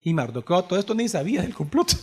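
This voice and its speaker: A male pastor preaching a sermon, retelling a story with lively acted-out dialogue and questions to the congregation. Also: sits high, quick pace, husky. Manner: animated storytelling, acting out the characters' lines.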